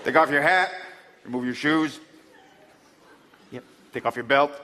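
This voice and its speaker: A man's voice: medium pitch, takes it slowly, pushed and bright, slight background noise, voice pushed down. A man playing a stern male customs officer who fires off clipped, questioning phrases. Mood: suspicious.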